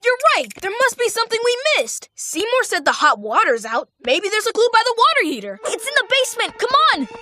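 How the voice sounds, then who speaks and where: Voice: very high voice, big pitch swings, brisk, few pauses, sharp tone, no room sound, exaggerated voice. An actor voicing an earnest young boy detective in a cartoon. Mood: worried, determined.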